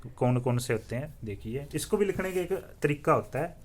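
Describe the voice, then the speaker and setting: A man teaching the alphabet in a slow classroom style, sounding out letters one by one and asking listeners to repeat after him. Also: fairly high pitch, lively intonation. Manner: drills letters aloud and asks viewers to repeat; often says "theek hai ji" as a filler. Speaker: Hindi teacher.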